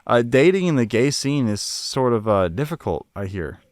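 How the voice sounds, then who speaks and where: A man's voice: medium pitch, very animated, moderate pace, darkish tone, dry recording, studio quality. A man co-hosting a podcast in casual chat, laid-back, cracking crude jokes between lots of fillers. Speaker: podcast co-host.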